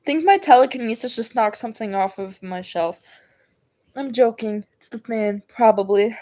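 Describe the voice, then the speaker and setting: A woman's voice: fairly high pitch, moderate pace, dark tone. A woman livestreaming casually, rambling and stumbling over words as she reads homework aloud. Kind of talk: casual livestream chat while doing homework.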